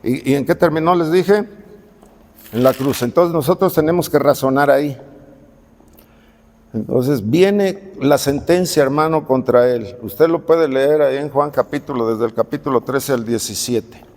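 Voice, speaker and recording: A man's voice: mid-range voice, unhurried, a little mellow. A man preaching a sermon in a conversational way, often asking questions and addressing his listeners as "brother". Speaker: pastor. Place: church hall. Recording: long reverb of a church hall.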